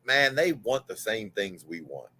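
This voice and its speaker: A man in his forties talks as a guest in a casual livestream chat. His voice is bright and forceful, and his pitch rises and falls a lot. He tells stories candidly and swears freely. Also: unhurried. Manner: animated, candid storyteller who swears freely.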